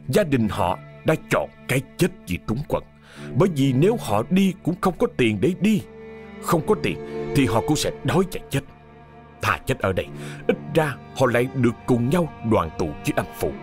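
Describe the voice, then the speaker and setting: A man tells a ghost story in a lower voice, dramatic and expressive, with lively swings in pitch. Soft music runs underneath the narration. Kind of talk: scripted horror story narration.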